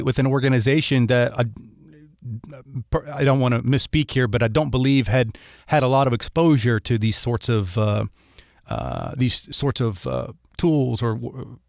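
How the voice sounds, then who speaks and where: Gravelly podcast host, man. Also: medium pitch, no echo, clean studio sound. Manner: relaxed, lots of mm-hmms and restarts. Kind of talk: casual interview talk.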